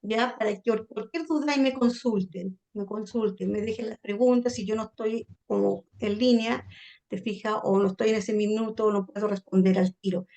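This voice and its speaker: A woman's voice: mid-range voice, fairly even intonation, moderate pace, mellow. A woman from Chile with a Chilean accent, a literature teacher explaining sonnet form in an online class, often checking in with her students.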